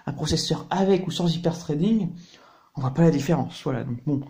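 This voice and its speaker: A man's voice: a little high, a little fast, creaky, mellow. A man hosting a casual hands-on computer hardware tutorial, chatty and explaining through everyday comparisons.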